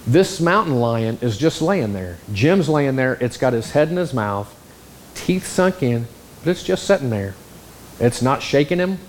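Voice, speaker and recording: A man preaching a sermon, telling a story in an animated, exclamatory way. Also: mid-range voice, a little hiss or hum. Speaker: pastor.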